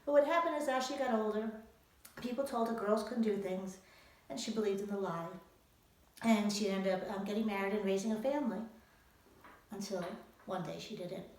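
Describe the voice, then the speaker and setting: Speaking at a normal speed, this woman has a medium-pitched, slightly mellow voice. She's an author sharing her own book with young readers, telling the story emphatically and posing rhetorical questions. The room is highly reverberant and she stands far from the mic.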